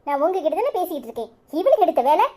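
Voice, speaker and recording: A woman with a Kanyakumari Tamil accent voicing a sharp-tongued, bossy young wife in a cartoon. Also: extremely high pitch, big pitch swings, very fast. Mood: scolding. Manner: curt, scolding. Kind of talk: cartoon voice acting.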